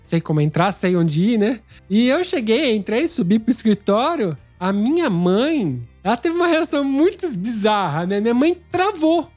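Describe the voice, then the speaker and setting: A young man with a Brazilian accent telling a story in a relaxed, chatty way, with many fillers. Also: high-pitched, moderate pace, few pauses, soft background music. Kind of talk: casual storytelling chat.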